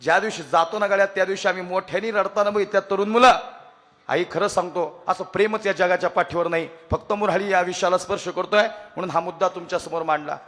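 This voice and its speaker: High-voiced preacher ringing through a hall. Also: male voice, fairly even intonation, fast talker. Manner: emotive storyteller, addresses listeners directly, swells into loud chanting. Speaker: kirtan preacher. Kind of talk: devotional kirtan sermon with storytelling. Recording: long reverb of a large hall.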